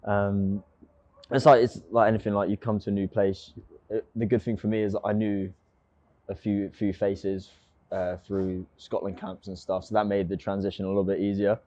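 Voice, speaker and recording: A young man with an English accent from near London speaks in a low voice. He chats casually as a guest, teasing himself and stumbling through fillers and restarts. The recording is dry and a little dull. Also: level tone, moderate pace, darkish tone, dry recording. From England. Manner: joking and self-mocking, many fillers and restarts. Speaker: guest, rugby player. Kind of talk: casual chat.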